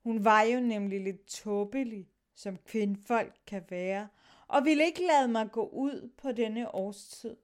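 A woman with a high-pitched voice reads a sailors' story aloud. She shifts her tone as she moves between the sailors' lines. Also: darkish tone. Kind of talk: dramatic reading of a sea story.

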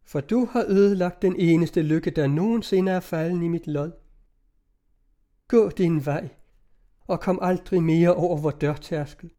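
A man's voice: a little high, warm tone, voice pushed up, lightly acted. A man reading aloud, voicing a desperate young woman in love in an old-fashioned storybook. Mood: anguished. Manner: anguished, pleading.

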